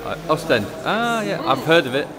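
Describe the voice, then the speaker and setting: A man's voice: on the high side, big pitch swings, normal speed. A man filming fans after a concert, asking them questions in an upbeat, joking way. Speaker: band member filming fans. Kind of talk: casual chat. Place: large busy concert venue foyer. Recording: loud crowd chatter and noise.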